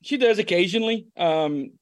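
A man's voice: sits high, expressive, moderate pace, no echo. Brummie man with a close, dry sound. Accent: Birmingham (Brummie). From Birmingham, England. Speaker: guest, youth football coach. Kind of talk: casual chat.

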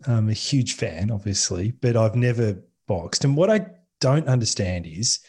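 A man with a fairly low, husky voice works as an interviewer. He sets up his questions at length and deliberately, framing each one with care. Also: animated, a little mellow.

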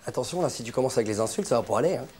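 A man's voice: mid-range voice, lively intonation, rapid-fire, loud music behind the voice. A man acting in a comedy sketch, scornful and quarrelsome. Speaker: office worker in a sitcom. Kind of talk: sitcom acting.

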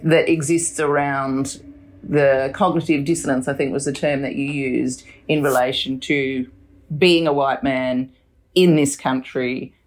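A middle-aged woman hosting a podcast, talking in a measured, thoughtful way with frequent fillers. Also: very deep voice, steady tone. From Australia. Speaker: podcast host. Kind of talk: casual chat.

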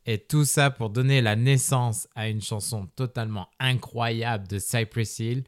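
A man's voice: medium pitch, a little slow, loud music behind the voice. Hesitant man hosting a casual podcast. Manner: hesitant, many filler sounds and restarts; relaxed, conversational. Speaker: podcast host. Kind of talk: casual explanatory podcast talk.

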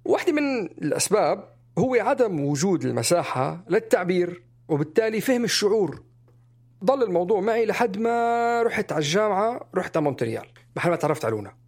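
Chatty, animated, husky young man. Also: fast talker. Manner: animated, chatty, jumps up in pitch when stressing points. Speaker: podcast co-host. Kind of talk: casual conversational podcast.

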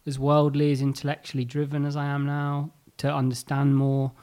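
A man's voice: on the high side, monotone, fairly quick, mellow. A man from England sits in as a guest on a podcast chat over drinks. He is sarcastic and joking, and hesitates as he works his way toward a point. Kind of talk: casual drunk chat.

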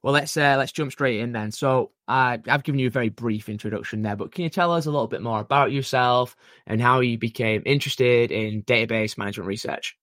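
A man hosting a podcast interview, talking in a relaxed, chatty way with many fillers. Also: medium pitch, a little fast, no echo, studio quality. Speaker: podcast host.

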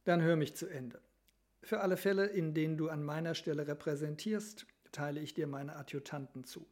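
A man voicing an ailing grand duke, the older brother, who speaks in a formal, tired and measured way in a novel reading. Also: on the high side, steady tone, darkish tone, close to an everyday voice. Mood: weary formal.

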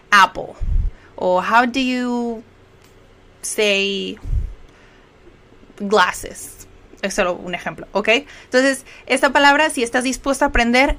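A woman's voice: fairly high pitch, a bit bright. A woman from Mexico with a Mexican Spanish accent, teaching English in a chatty live lesson and checking in often with the audience. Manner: chatty, explanatory, with many filler checks like "¿ok?".

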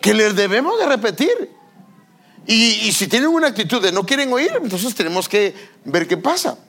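An older man delivers a sermon as pastor, with a gravelly, husky voice. His pitch sits a bit high and leaps around widely as he preaches. He acts out parents and children in quick little scenes. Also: sing-song, a bit bright.

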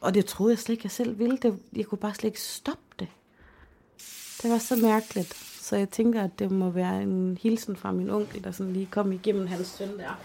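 A woman's voice: medium pitch, flat delivery, vocal fry, warm tone, a little hiss or hum. A young woman co-hosting a casual chat, telling a personal story in an emotional, chatty way with many fillers. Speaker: podcast co-host.

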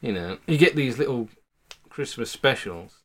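A man co-hosting a podcast, pitching ideas in jokey, playful banter. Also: animated, normal speed. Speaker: podcast co-host. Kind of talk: casual chat.

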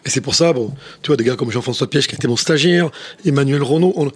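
A middle-aged chef from southwest France with a southwest French accent, telling stories in a rambling way with many restarts. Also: male voice, mid-range voice, fast, husky. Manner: rambling, many restarts, says "tu vois" often. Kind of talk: casual interview storytelling.

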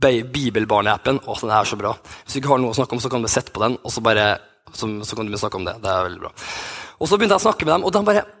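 A man's voice: mid-range voice, lively intonation, fairly bright tone. A man in his thirties, a youth pastor, telling a personal story in a sermon with many restarts and fillers. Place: church hall.

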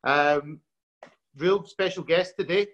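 A man hosting a casual sports interview, friendly and halting with lots of fillers. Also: a little high, fairly bright tone, lo-fi sound. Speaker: host.

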